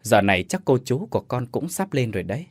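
Man reading as a kind old granny, soft and comforting, dry close sound. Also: medium pitch, big pitch swings, fast, no echo. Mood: soothing. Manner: soothing, affectionate. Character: gentle old village grandmother.

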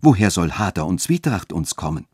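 A man voicing a young widow who reasons calmly and gently but stays firm. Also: low voice, a little fast, slightly rough, no room sound, clean studio sound, exaggerated voice. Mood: gently reasoning.

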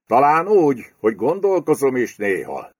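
A man's voice: mid-range voice, sing-song, husky, no room sound, studio quality, pitched above the performer's own voice. A man voicing a fat, domineering male property speculator who talks in a crude, bullying, menacing way in an audiobook. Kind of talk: audiobook character voice.

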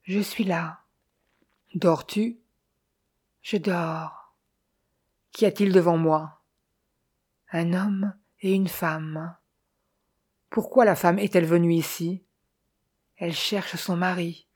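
A woman's voice: on the low side, fairly even intonation, slow, pauses often, darkish tone, slightly rough. A woman reading an audiobook voices a fragile young female medium in a trance, speaking faintly and drowsily as if from far away. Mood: entranced. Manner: faint, distant and sleepy.

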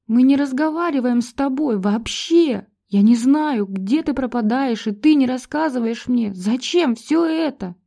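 A woman's voice: a little high, normal speed, pitched above the performer's own voice. A woman voicing a desperate, defiant young woman. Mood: angry. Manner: shouting, pleading, breaking voice.

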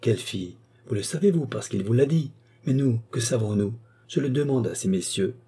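A man's voice: mid-range voice, expressive, fairly quick, dark tone, breathy edge. A man voicing an earnest, formal middle-aged notary who speaks in careful legal phrases.

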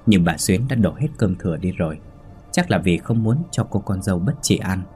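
A man narrating a ghost story in a steady, measured storytelling voice. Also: low-pitched. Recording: faint background music.

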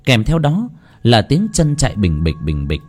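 A man narrating a ghost story in an expressive, dramatic way. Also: normal speed, breathy edge, faint music behind. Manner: expressive, swooping between high and low.

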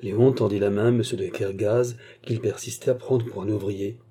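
A man narrates a classic novel at a steady, measured pace. His voice is very dark and mellow. A light huskiness runs through it. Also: lowish voice, breathy edge. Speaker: audiobook narrator.

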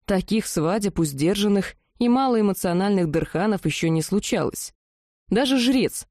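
Warm-voiced woman narrating a fantasy audiobook. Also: mid-range voice, no echo, studio quality.

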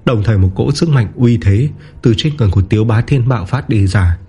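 A man narrating a martial-arts novel in a steady, even storytelling voice. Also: lowish voice, brisk, breathy edge. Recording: soft background music.

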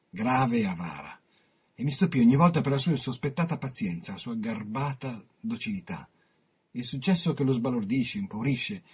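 A man on the radio reading his own written interview aloud, measured, with dramatic pauses. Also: mid-range voice, darkish tone, slightly rough.

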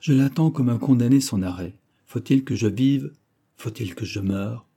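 Desperate proud exiled king, read by a man; deep, mellow and earnest. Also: moderate pace, vocal fry. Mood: despairing. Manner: solemn, earnest pleading.

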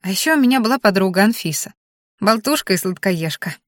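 A woman reading a first-person audiobook narration in a soft, reflective storytelling manner. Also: mid-range voice, expressive, a little fast, dry recording, studio quality.

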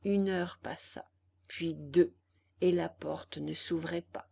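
A woman narrating a children's story in an expressive, deliberate way. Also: on the low side, creaky, husky. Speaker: audiobook reader.

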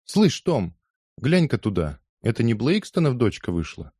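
A man's voice: medium pitch, very animated, warm tone, husky, dry recording, clean studio sound, voice pushed up. Liza, a sassy young working girl, as a man puts her on. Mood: teasing. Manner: bossy, quarrelsome, quick comebacks. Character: brash cheeky young London working girl.

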